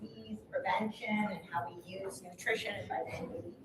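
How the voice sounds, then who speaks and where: A woman's voice: medium pitch, fairly even intonation, moderate pace, crowd noise. Polite woman moderating in an echoey room. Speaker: panel moderator and clinician. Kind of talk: introducing a conference panel to an audience. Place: conference room with PA. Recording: echoey room, distant microphone.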